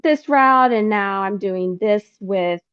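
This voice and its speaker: A woman guest telling her story in a casual, animated way, acting out conversations with laughter. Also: mid-range voice, slow pace, smooth, no echo, muffled recording. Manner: animated, acts out dialogue with laughs. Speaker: podcast guest, pilgrim.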